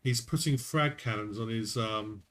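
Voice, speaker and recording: A man streaming a game, chatting casually with a friend and his viewers, relaxed and chuckling. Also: fairly low pitch, measured pace. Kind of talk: casual chat while gaming.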